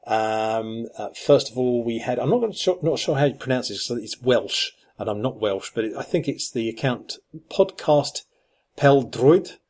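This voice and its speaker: A man's voice: mid-range voice, moderate pace, hardly any pauses, darkish tone. A man co-hosting a podcast, chatting casually with plenty of ums and restarts. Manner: rambling, lots of ums and restarts. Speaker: podcast co-host. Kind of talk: casual chat.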